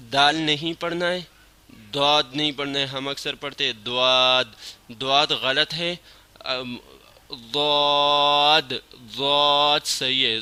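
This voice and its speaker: A man teaching the Arabic letters in a slow, patient lesson. He chants each letter long and loud, then explains how to say it more softly. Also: medium pitch, clear, resonant tone. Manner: patient, step-by-step instruction. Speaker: Quran recitation teacher.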